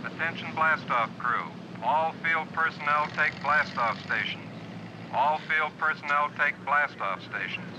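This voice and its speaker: A male announcer calling out formal, clipped public announcements over a PA loudspeaker, repeating each call. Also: a little high, unhurried, noisy background. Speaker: airport announcer.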